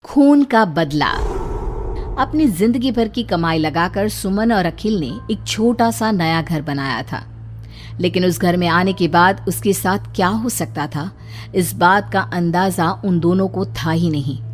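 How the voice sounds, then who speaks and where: A woman narrating a scripted horror story for a cartoon in a steady, suspenseful way. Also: lowish voice, measured pace, soft background music.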